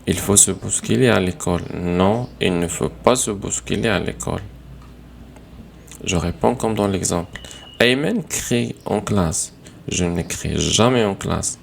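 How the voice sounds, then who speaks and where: A man teaching a grammar lesson, going through exercises slowly and repeating sentences as he corrects them. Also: low-pitched, vocal fry, slight background noise.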